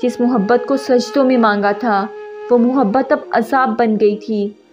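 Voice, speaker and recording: A woman telling a sad story in steady, emotive scripted narration, in a dull lo-fi recording over music. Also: fairly high pitch, measured pace.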